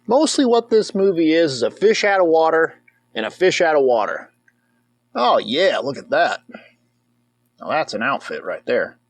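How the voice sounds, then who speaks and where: A joking male movie reviewer whose voice sits fairly high for a man. His commentary rambles loosely, and he breaks into whoops and cheers. The recording is dry and close. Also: very animated, normal speed, no echo. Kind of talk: casual comedic commentary.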